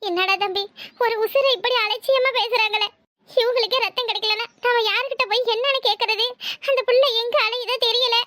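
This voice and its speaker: A woman's voice: very high-pitched, steady tone, brisk, pushed and bright, no echo. A woman voicing a fussy, superstitious older village mother-in-law in a cartoon, with a Tirunelveli Tamil accent and a scolding, fretful way of talking. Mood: worried. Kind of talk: cartoon voice acting.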